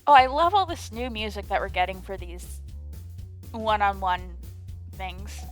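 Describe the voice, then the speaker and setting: A woman doing let's play commentary, chatting excitedly in rambling asides while she reads through a story game. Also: mid-range voice, a little slow. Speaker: let's player. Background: faint game music.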